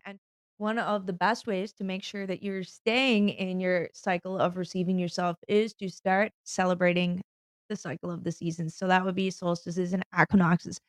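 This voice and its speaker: A woman's voice: mid-range voice, no room sound, clean studio sound. Upbeat woman hosting a spiritual podcast. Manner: upbeat, earnest, smiling delivery. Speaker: podcast host and spiritual guide. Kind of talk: casual spiritual podcast talk.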